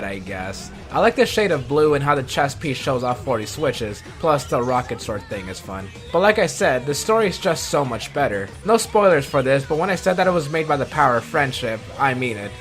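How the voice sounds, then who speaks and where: A male video host with a mid-range, somewhat bright voice presents a scripted countdown. His commentary includes dry, self-mocking asides, set against background music.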